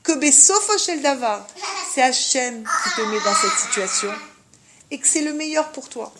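Higher-voiced woman teaching a religious lesson. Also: lively intonation, normal speed, very noisy. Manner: French peppered with Hebrew terms; didactic, frequent check-in questions.

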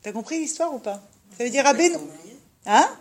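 A woman teaches a religious class to a group of women in an unheated room. She speaks in a fairly high voice and gets animated as she explains. She often turns to her listeners with direct questions. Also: brisk.

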